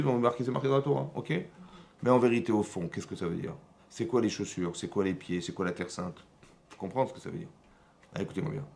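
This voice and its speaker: A man with a French accent, a rabbi giving a lively Torah lesson in a synagogue, often asking his listeners questions and raising his voice to stress points. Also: gravelly. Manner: animated, asks the audience questions, rises in pitch and loudness to stress points. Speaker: rabbi teaching a class.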